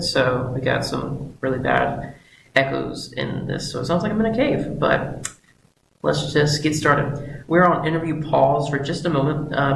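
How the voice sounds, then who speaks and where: A man hosting a podcast introduction casually, his voice affected by sickness, with a cave echo around it. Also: mid-range voice. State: sick voice. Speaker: podcast host. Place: echoey home studio in progress. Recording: echoey unfinished studio, clear background noise.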